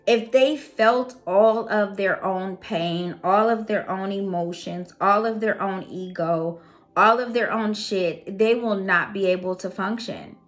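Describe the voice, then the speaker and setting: A woman who does readings, talking earnestly and casually to her audience, repeating phrases for emphasis. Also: mid-range voice. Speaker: psychic reader and host. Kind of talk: casual motivational talk.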